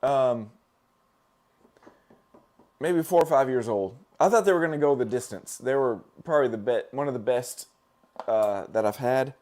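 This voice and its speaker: A hoarse middle-aged dental lab technician, losing his voice, hosts a casual live stream in a mid-range, darkish voice at a moderate pace with long pauses. He rambles with fillers and restarts while working and talking to viewers.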